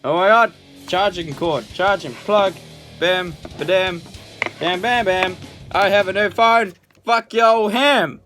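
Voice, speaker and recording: A young man filming a casual unboxing vlog, excitable and swearing a lot, with loud bursts of delight. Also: high voice, unhurried. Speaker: vlogger. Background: music.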